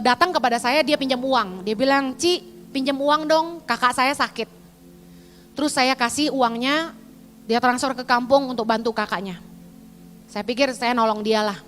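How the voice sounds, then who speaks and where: A woman preaches in a bright, high voice, telling a story with animated, dramatic bursts. Her voice rings with the long reverb of a large hall. Soft music plays faintly behind her. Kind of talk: sermon with personal testimony.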